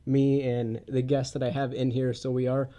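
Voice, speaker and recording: This young podcast host is getting over a head cold, so his medium-pitched, dark voice sounds congested and stuffy. He speaks at a moderate pace with little pitch movement, giving a casual introduction and interview into a studio mic while wearing a face mask or shield.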